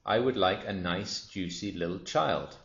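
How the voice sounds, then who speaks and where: An enormous, greedy crocodile from a children's storybook , played by a man, boasting with sinister relish. The words are drawn out gleefully in a low voice, in a roomy, slightly dull recording. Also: unhurried, gravelly, fairly bright tone, heavily acted. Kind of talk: children's storybook character reading.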